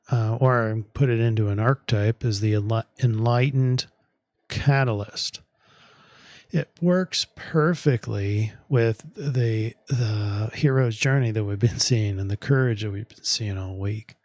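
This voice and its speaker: A man delivering a weekly astrology forecast in a measured, deliberate way, and he is losing his voice. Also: lowish voice, a little mellow, no room sound.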